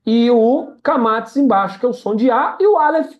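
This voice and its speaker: A woman's voice: a little high, lively intonation, normal speed. A woman tutoring a student one-on-one in reading Hebrew, patient and encouraging, speaking over a video call. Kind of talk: one-on-one language lesson. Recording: dull lo-fi sound.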